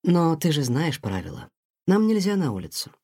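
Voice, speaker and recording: A man voicing a wise, gentle mother cat who speaks softly and soothingly. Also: fairly high pitch, huge pitch swings, normal speed, breathy edge, dry recording, studio quality, exaggerated voice. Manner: soft, soothing and tender. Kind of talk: audiobook character voice.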